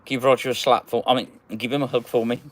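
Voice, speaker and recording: A man's voice: medium pitch, flat delivery, fast. A man hosting a casual livestream, chatting and greeting viewers by name as he reads their comments. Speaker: magnet fishing livestream host.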